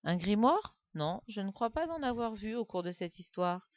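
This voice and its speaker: A woman's voice: mid-range voice, sing-song, normal speed, lightly acted. A woman voicing a prim ten-year-old girl who speaks French with an English accent, on a dull, dry recording.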